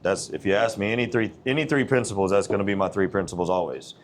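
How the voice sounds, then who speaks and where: Man, 40s, gym owner as interview guest; lowish voice, blunt and earnest, faint noise behind. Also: fast talker. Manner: blunt, earnest, plain-spoken. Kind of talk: casual interview conversation.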